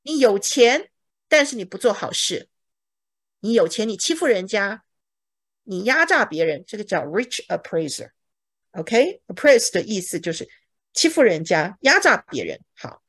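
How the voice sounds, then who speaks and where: A woman's voice: mid-range voice, sing-song, measured pace, slightly rough. A woman teaching a bible English lesson in Mandarin, explaining each word and checking with her students. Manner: acts out examples dramatically.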